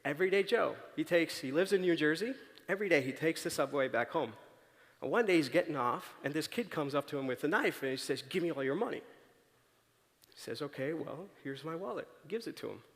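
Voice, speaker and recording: This conference speaker talks fast, with a slightly high, expressive, fairly bright voice. His talk is conversational and built around stories, punctuated by "right?" to the audience. He's on a large auditorium stage, and the recording has the long reverb of the big hall.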